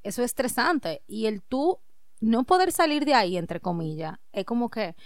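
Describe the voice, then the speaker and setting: A female podcast co-host, easygoing and talkative, speaks at a normal pace in a slightly high, sing-song voice, recorded close and dry. She chats casually, talks straight to listeners, laughs easily, and reads her own writing aloud.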